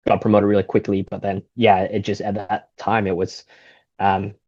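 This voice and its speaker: A man in his thirties from Singapore, speaking with an American accent, appears as an interview guest; he owns a golf shop. His lowish voice moves at normal speed, relaxed and rambling, with frequent fillers and restarts as he chats casually. The recording is dry and lo-fi.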